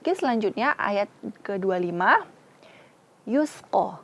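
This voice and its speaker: Slow, patient female Quran teacher. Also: mid-range voice, lively intonation, darkish tone. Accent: Acehnese. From Indonesia. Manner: patient, demonstrates sounds syllable by syllable. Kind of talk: slow, careful tajwid instruction.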